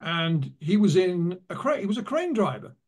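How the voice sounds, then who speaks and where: A man's voice: high-pitched, sing-song, moderate pace. A man being interviewed as an author, telling anecdotes and retelling what witnesses told him. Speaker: author and guest. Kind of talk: interview storytelling.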